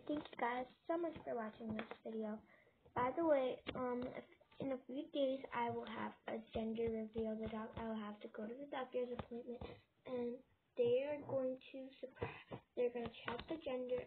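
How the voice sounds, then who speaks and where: Chatty young girl on a tinny line. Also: fairly high pitch. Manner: chatty, stops and restarts mid-sentence. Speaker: game channel host. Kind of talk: playful family role-play narration. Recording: tinny phone-like sound with faint noise.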